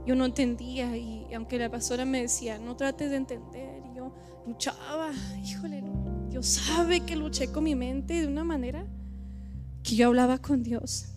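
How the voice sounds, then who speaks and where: A woman gives an emotional church testimony, heartfelt and halting, repeating her phrases. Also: sits high, fairly even intonation, over music. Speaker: church member giving testimony.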